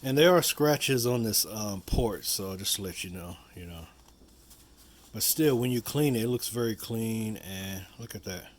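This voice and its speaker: A man with a fairly low voice hosts a casual how-to video, demonstrating a product hands-on. He rambles, keeps circling back to repeat his points, and drops in asides with frequent "you know"s. His delivery is expressive and measured.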